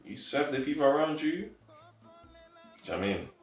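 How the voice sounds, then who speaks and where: A young man in his twenties answering interview questions casually, animated and quick to laugh. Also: medium pitch, creaky. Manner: animated, laughs easily, acts out quotes. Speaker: interview guest. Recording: roomy echo, faint background music.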